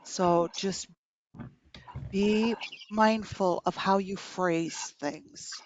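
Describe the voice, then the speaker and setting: A woman participant in a training class, giving calm, measured advice. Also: medium pitch, slight background noise. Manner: slow and measured, gently advising. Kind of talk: class discussion. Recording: dull dry lo-fi audio.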